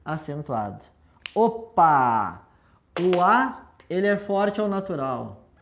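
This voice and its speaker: A woman's voice: fairly low pitch, big pitch swings, slow, a little hiss or hum. Patient woman teacher. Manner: patient, explains step by step with rhetorical questions; affectionate toward students. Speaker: language teacher. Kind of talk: recorded video lesson at a whiteboard.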